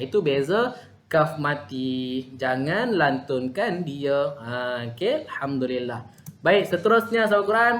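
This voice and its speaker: A man with a Malaysian Malay accent teaching Quran recitation in an online lesson, patiently sounding out letters. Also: on the high side. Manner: patient, demonstrates letter sounds slowly, frequent "ha". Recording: echoey room.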